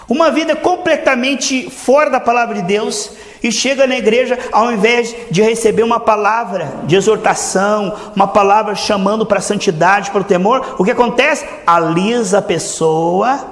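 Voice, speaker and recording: A man with a Brazilian Portuguese accent preaching a sermon in a church, fervent, swinging between loud emphasis and low asides. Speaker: pastor. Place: church hall. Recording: echoey church hall reverb.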